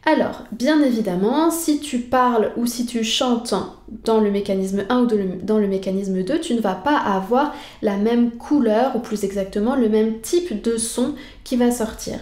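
A woman's voice: on the high side, moderate pace, darkish tone, reverberant. A woman singing teacher patiently explaining vocal technique straight to the viewer.

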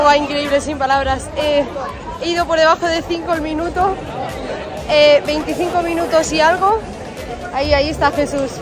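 A woman in her twenties from Spain with a Spanish accent, vlogging out of breath and loudly into her phone while running outdoors. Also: sits high. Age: 20s. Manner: speaking while running, exerted and loud. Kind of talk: vlog to camera. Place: outdoors on a wide city street. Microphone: phone at arm's length. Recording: busy street race, crowd and music behind.

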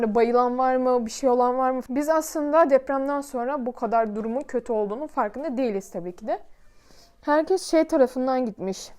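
A woman's voice: high-pitched, dark tone. A woman vlogger telling a personal story in an emotional, vivid way.

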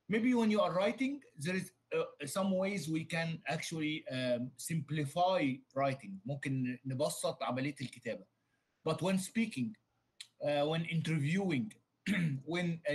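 Fast-talking Egyptian-accented man teaching English. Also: on the high side. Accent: Egyptian Arabic. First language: Arabic. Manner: explains, then repeats in Arabic, many fillers. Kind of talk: online lecture. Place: video call.

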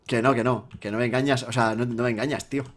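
A man's voice: mid-range voice, steady tone, fast. A young man with a Spanish accent hosting a casual gaming session, teasing his friend and repeating himself insistently. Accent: Spain Spanish. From Spain. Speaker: gaming channel host. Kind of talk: casual let's-play banter.

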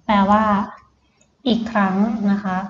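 Thai-accented woman tutor, slow and patient, dull roomy sound. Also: a little hiss or hum. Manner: patient, repeats words slowly. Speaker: English tutor. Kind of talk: slow vocabulary lesson for children.

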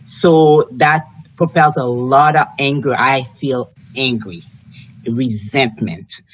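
A man's voice: mid-range voice, slow pace, a bit bright, a little hiss or hum, low-quality recording. A man from Haiti with a Haitian accent, speaking earnestly in a committee video call discussion, often repeating his phrases. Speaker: committee member.

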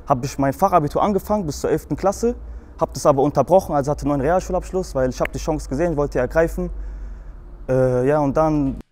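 This young man from Frankfurt, Germany, has a Hessian accent and is a guest in a show video. He tells his own story in a meandering way, full of fillers and restarts. His voice is on the high side with a darkish tone.

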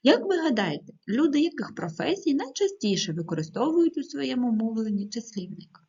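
A woman teacher gives a recorded lesson to young pupils in a fairly high, lively voice that rises and falls a great deal. She speaks clearly and patiently and stresses each number as she reads. The sound is dull and lo-fi. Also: a little fast. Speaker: primary school teacher.

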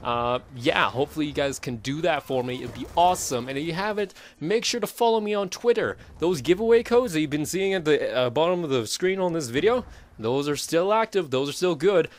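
Rambling young man, higher-pitched voice. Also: expressive, a little fast. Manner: rambling, filler-heavy and self-correcting. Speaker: gaming YouTuber. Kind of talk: casual gaming commentary.

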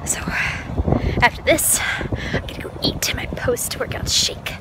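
A woman, out of breath after a run, chatting loudly to her vlog camera outdoors on a windy day. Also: measured pace, whispered, poor audio. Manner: chatty, loud over the wind. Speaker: fitness vlogger. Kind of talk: casual vlog chat. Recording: wind and traffic noise outdoors.

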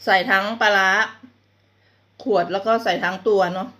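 A woman's voice: medium pitch, steady tone, moderate pace, a bit bright. A woman with a northeastern Thai Isan accent chats casually to viewers as a food vlogger, chewing and humming appreciatively as she talks. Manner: chewing and savoring food while talking, with appreciative hums. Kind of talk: casual mukbang chat to viewers.

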